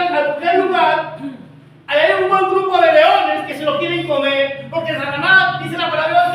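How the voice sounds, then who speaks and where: A man's voice: very high voice, bright, forceful tone. A male pastor preaching a sermon, emphatic and full of rhetorical questions put to the congregation. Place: church. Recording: echoey church hall from far off, faint noise.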